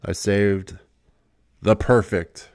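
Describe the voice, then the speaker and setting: A man's voice: on the low side, steady tone, drawn-out words, a little mellow. A man giving casual gameplay commentary, swearing a lot, laughing often and rambling with restarts. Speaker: gaming video creator.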